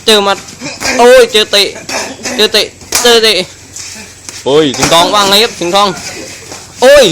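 A man doing excited Muay Thai boxing commentary, full of exclamations and rapidly repeated phrases. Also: high-pitched. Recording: noisy live event recording.

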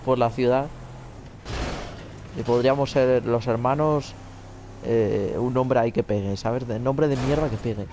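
A man's voice: medium pitch, fairly even intonation, a little slow, long pauses. Crude joking young man. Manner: crude, joking, laughs often. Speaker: podcast co-host. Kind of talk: casual chat while gaming. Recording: noisy background.

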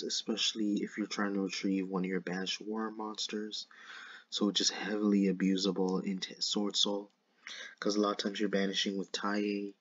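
A man's voice: lowish voice, fairly bright tone, slightly rough, dry recording. A man with a lisp and slushy s sounds, giving casual commentary over a card game replay on a dull microphone.

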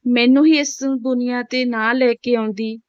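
A woman's voice: a little high, steady tone, a little slow, darkish tone, dry recording, lightly acted. A young widow pours out her despair in a plaintive voice, as a woman narrator plays her. The recording is dry and muffled. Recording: dull, dry home recording.

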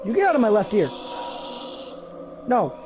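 A man's voice: high-pitched, huge pitch swings, moderate pace, background noise. A man playing a horror game with a friend, jumpy, easily startled and complaining in casual let's-play chat.

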